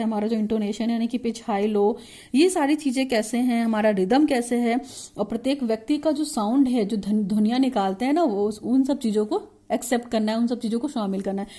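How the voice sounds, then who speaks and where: Woman teacher explaining at a quick pace. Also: fairly high pitch, warm tone. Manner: mixes Hindi with slow, drawn-out English read-outs; frequent self-questions and restarts. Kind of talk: explanatory lesson.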